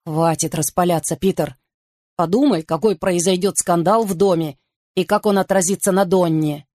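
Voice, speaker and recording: A woman's voice: fairly low pitch, normal speed, dark tone, no echo, close to an everyday voice. A woman reading the part of a dry, impatient, level-headed man with a sarcastic, weary tone.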